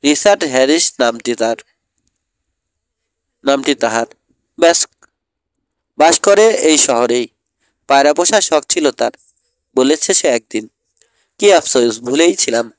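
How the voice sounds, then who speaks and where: A man's voice: on the high side, expressive, moderate pace, long pauses, no room sound, studio quality, lightly acted. A man voicing an eccentric bird-loving old lady. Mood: sing-song. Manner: sing-song, fussy. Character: eccentric older woman who loves birds and pearls.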